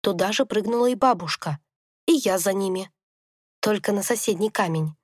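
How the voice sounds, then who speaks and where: A woman narrating a first-person fantasy audiobook in a calm, reflective storytelling manner. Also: mid-range voice, moderate pace, no echo, clean studio sound.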